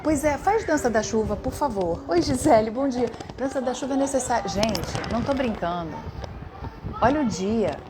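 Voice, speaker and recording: A woman's voice: a little high, animated, normal speed. Chatty Brazilian woman hosting a live stream. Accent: Brazilian Portuguese. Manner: chatty, warm greetings to viewers by name. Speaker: livestream host. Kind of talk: casual live chat greeting viewers. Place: home above a noisy schoolyard. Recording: noisy background of children shouting. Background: children shouting and playing.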